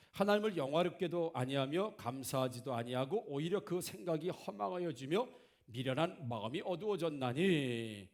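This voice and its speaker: A man preaching a Sunday sermon as pastor, asking the congregation questions, answering them himself and acting out quoted voices. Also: a little high. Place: church sanctuary.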